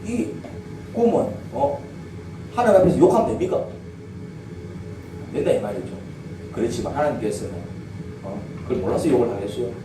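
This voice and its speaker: A medium-pitched male pastor preaches briskly and animatedly, with frequent pauses, asking his congregation questions that draw call-and-response replies. The sound comes from a distant mic in an echoey church sanctuary with background noise.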